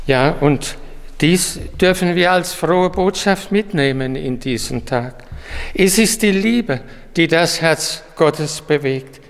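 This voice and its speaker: A man preaching a short devotional sermon in a slow, solemn manner. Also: a little high, animated, creaky, faint music behind. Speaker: pastor. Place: church. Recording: long church reverb.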